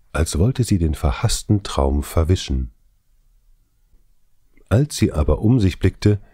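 Man narrating an audiobook, slow solemn storytelling, very deep mellow voice, dry sound. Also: no echo. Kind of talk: scripted narration.

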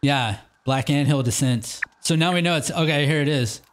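A man's voice: fairly high pitch, moderate pace. A young man casually commenting on his own gameplay, thinking aloud and calling out "dude" as he plays. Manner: excitable, says dude a lot, thinks aloud. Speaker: let's play gamer.

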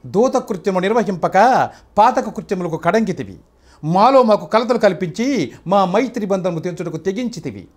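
A man's voice: high-pitched, animated, moderate pace. An older man voicing a proud, defiant king of an epic, reciting a grand court speech in a classical stage manner. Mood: defiant, declaiming. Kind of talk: stage-style mythological dialogue recital.

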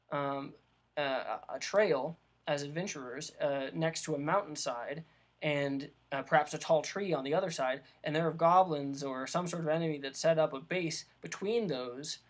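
A man hosting a vlog, explaining game ideas in a casual, rambling way with many ums and restarts. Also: on the high side. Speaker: vlog host giving dungeon master advice. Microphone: camera mic.

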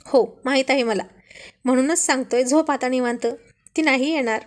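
A woman's voice: sits high, moderate pace, lightly acted. Woman voicing a teasing young husband. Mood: soothing. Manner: light teasing tone.

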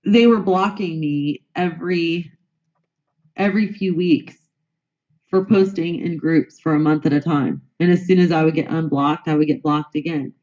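Her voice low and a little mellow at a normal speed, a female news reporter with a bad cold complains as an interview guest, repeating herself indignantly. The sound quality is lo-fi.

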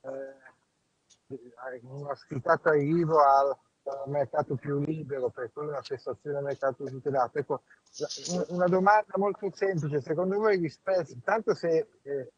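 Man over a remote call line, husky voice, slightly high, dull lo-fi sound, halting and formal. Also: a little mellow, dry recording. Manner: halting, with many fillers and restarts. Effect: heard over a remote call line. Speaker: member of parliament asking a question. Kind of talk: formal hearing question. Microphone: remote call connection.

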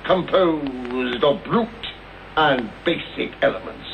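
An actor playing Sherlock Holmes in a radio play as an arrogant, brilliant British detective, pompous and precise. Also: male voice, mid-range voice, expressive, slow pace. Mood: scornful. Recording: dull, hissy old radio tape recording.

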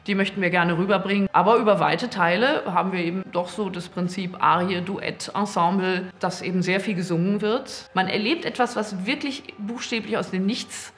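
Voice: medium pitch, normal speed, few pauses, a bit bright. A speaker from the opera team explaining the project in an interview. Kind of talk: interview statement.

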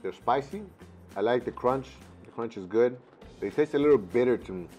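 A man's voice: mid-range voice, lively intonation, normal speed, dark tone, soft background music. A man from Mexico doing a casual taste-test vlog, chewing while he talks and giving frank, chatty opinions. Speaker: vlogger reviewing snacks.

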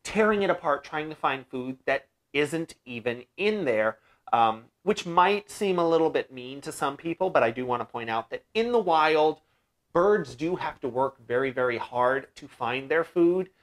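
A man's voice: on the high side, animated, normal speed. A young man hosting a casual DIY pet-care vlog from a small room at home, explaining things in a friendly way with lots of "uh" fillers, on a lapel mic. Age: young adult. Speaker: bird-keeping channel host. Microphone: lapel mic, seated facing camera.

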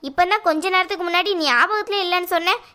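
A woman's voice: extremely high pitch, fast, bright, forceful tone. A woman voicing a sly, meddling young sister-in-law in a cartoon, taunting sarcastically in a Tirunelveli Tamil accent. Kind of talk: cartoon voice acting.

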